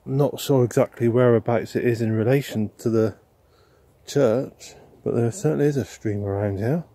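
A man hosting a ghost-hunting vlog outdoors in a churchyard, talking softly to spirits and musing aloud with questions. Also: medium pitch, normal speed. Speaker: paranormal investigator host.

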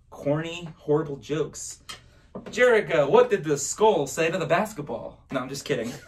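Higher-voiced man, kids' party magician. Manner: animated, encouraging showman with playful exclamations. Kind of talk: live show presenting in a kids party magician manner.

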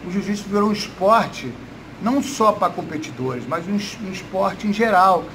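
A man's voice: sits high, moderate pace. A Brazilian man in his fifties, a coach giving casual interview answers in a gym with noise behind him. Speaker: jiu-jitsu coach. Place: indoors, gym room. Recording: noticeable background noise.

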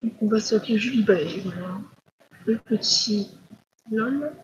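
A teenage girl chatting through a live mobile game stream, full of fillers and drifting into soft whispered asides. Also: medium pitch, a little slow, highs cut off, slight background noise. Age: teens. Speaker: livestreamer. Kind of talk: casual live gameplay commentary.

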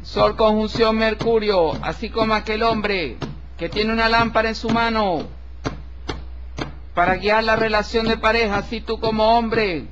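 A man with a very high voice reads out a tarot horoscope, solemn and formal, speaking to the listener with deliberate respect. The recording is dull and lo-fi with a faint hiss underneath. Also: fairly bright tone. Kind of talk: horoscope reading over tarot cards.

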